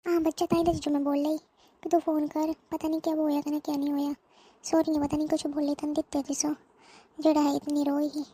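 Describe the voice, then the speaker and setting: Anxious older mother-in-law, voiced by a woman, fretful and rambling; high and mellow. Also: little pitch movement, fairly quick, lightly acted. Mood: fretting. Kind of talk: cartoon voice acting.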